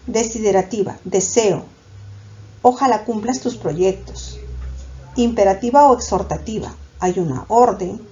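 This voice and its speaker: A woman teaching a grammar lesson step by step, often checking that students follow with quick questions. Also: mid-range voice, dark tone, a little hiss or hum. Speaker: language teacher. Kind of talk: classroom lecture. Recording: slightly muffled lo-fi recording.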